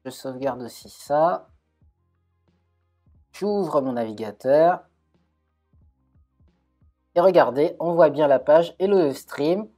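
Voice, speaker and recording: A man's voice: on the high side, takes it slowly, long pauses, dark tone, faint music behind. A man giving a live-coding tutorial at his computer, thinking aloud with frequent hesitations and self-corrections. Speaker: coding streamer.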